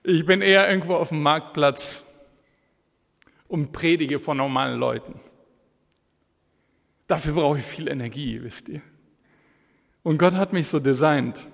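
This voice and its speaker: Fervent high-voiced man preaching. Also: measured pace, gravelly, pauses often. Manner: fervent, excitable, lively storytelling. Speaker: evangelist preacher. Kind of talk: energetic sermon with Bible storytelling. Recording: echoey hall reverb.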